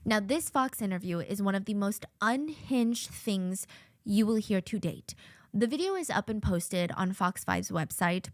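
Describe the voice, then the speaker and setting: A woman hosting a true-crime podcast, giving casual, opinionated commentary with drawn-out hushed asides. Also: mid-range voice, no room sound, clean studio sound. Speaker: podcast host.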